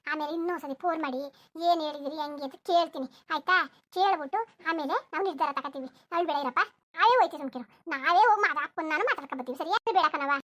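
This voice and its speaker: A rapid, very high voice of a protective village mother, as a woman puts her on in a cartoon. She moves between sharp scolding and tender coaxing in rustic village speech. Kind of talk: cartoon voice acting.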